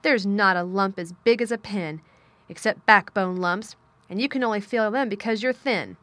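A woman voicing a hot-tempered, bossy little girl in a storybook, with a sharp, scolding manner. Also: mid-range voice, normal speed, dry recording, close to an everyday voice. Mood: cross, insistent.

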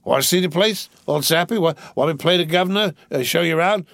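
A man's voice: on the low side, animated, slow pace, gravelly, no room sound, clean studio sound, voice pushed down, heavily acted. A man voicing a drunken, boastful rich young man who slurs, rambles and keeps breaking into laughter. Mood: drunk giggly.

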